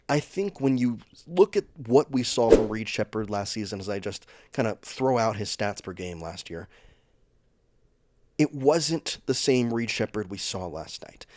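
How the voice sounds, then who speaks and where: A man's voice: on the low side, animated, a little slow, darkish tone, a little hiss or hum. A man hosting a sports channel, talking through team news in a chatty, opinionated way that speeds up in bursts. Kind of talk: casual sports commentary vlog.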